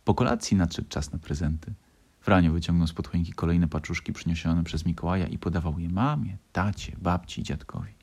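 Husky-voiced man narrating a storybook. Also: low voice, fairly quick, a little mellow.

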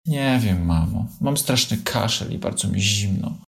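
A man's voice: fairly low pitch, huge pitch swings, a little slow, darkish tone. A man voicing a little boy fox who is playful but now sick, coughing and pleading.

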